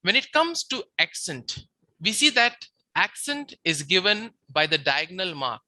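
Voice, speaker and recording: Very bright, dry voice teaching grammar. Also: mid-range voice, no echo. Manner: methodical, repeats examples slowly; habitually says "we see". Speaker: Latin teacher. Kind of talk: beginner grammar lecture.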